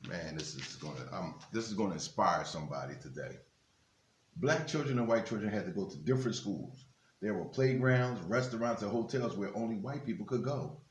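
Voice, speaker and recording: Reading a children's book aloud at a brisk, animated clip, a man with a lowish voice stops now and then to give his young audience informal encouragement. He's a guest at a basketball team's literacy program reading, and the echoey room adds reverb along with slight background noise.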